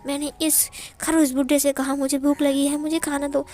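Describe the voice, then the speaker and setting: A woman's voice: sits high, level tone, moderate pace, warm tone, natural voice. A woman voicing a young man who behaves like a whiny five-year-old child, wailing and demanding food in a storybook reading. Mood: childish. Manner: whining, wailing, stamping for food.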